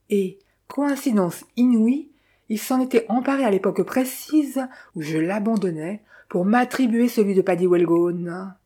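A woman reading a mystery novel aloud in measured, dramatic first-person narration. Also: mid-range voice, dark tone, breathy edge. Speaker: audiobook narrator.

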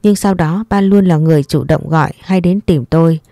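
A woman narrating a first-person story in a calm, sorrowful reading voice. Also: fairly low pitch, a little fast, no echo, studio quality.

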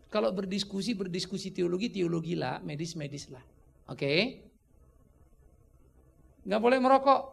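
A man preaching a conversational sermon as pastor, animated and joking, acting out little dialogues. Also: high-pitched, vocal fry. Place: church.

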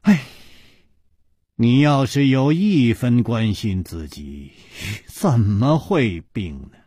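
A man voicing a calm, suave young swordsman who speaks low and with amusement. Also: slow, breathy edge, no room sound, clean studio sound, exaggerated voice. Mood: amused.

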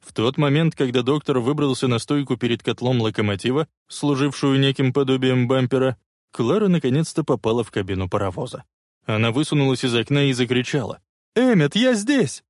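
A man narrating an audiobook with expressive storytelling delivery. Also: mid-range voice, fairly quick, dry recording, studio quality. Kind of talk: dramatic audiobook reading.

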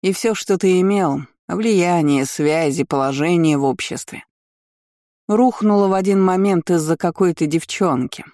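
A male narrator raising his voice into a cruel empress who taunts and gloats over her captive, lilting and sing-song, pitched well above his usual tone. The sound is dark and mellow, recorded close and dry, like a storybook villain savoring every word. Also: unhurried, no echo. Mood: mocking. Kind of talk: audiobook character voice.

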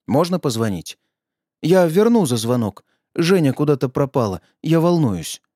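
A man's voice: fairly high pitch, very animated, normal speed, mellow, no echo, clean studio sound. A man voicing a desperate, hung-over man who is guilty and helpless. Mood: pleading.

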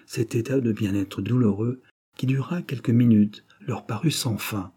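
A man narrates a classic novel as an audiobook. His reading is measured and expressive. His voice sounds mellow and warm, with a husky edge and a middle pitch.

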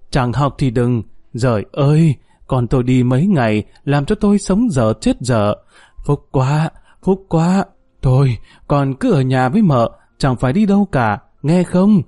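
A man's voice: medium pitch, animated, normal speed, dark tone, no echo, studio quality, natural voice. A man voicing a distraught, doting middle-aged mother who wails and scolds shrilly. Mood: tearful.

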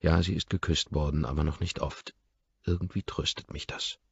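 A man reading a first-person audiobook, brooding and inward. His voice sits extremely low, husky and gravelly. The recording is dry and a little dull. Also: fairly even intonation, normal speed, dry recording. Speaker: audiobook narrator.

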